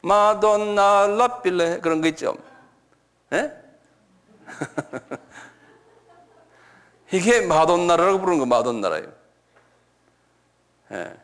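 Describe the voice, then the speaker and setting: A middle-aged male pastor delivers a sermon as a lecture, speaking slowly in a slightly raised voice. He dwells on key words, repeating them, and keeps turning to his listeners with questions. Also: sits high, expressive, a bit bright.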